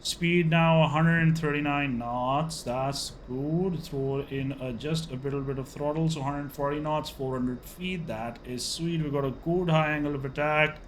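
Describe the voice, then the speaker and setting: A man's voice: a little high, steady tone, moderate pace, hardly any pauses. A man giving live flight simulator airshow commentary, narrating each move in clipped phrases as he flies. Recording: clearly noisy background.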